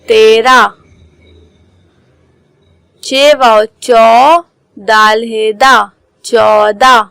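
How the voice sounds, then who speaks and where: A woman teacher dictates slowly and carefully, spelling each word out letter by letter for young pupils. Her voice sits a little high and sounds smooth and clear. The recording is close and dry. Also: a bit bright, dry recording, poor audio. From Pakistan. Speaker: school teacher. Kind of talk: online class lesson, spelling out words.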